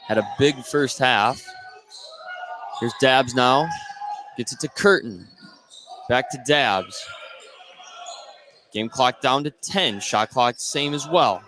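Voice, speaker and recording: This American basketball announcer speaks at medium pitch, slowly and with frequent pauses, his tone sharp on a rough recording. He delivers live play-by-play over clear gym sounds of a game and bouncing balls.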